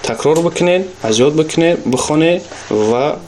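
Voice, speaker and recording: A man with a Tajik accent teaching an Arabic lesson, patiently repeating each word slowly for drilling. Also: fairly high pitch, a little mellow, a little hiss or hum. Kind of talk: recorded language lesson.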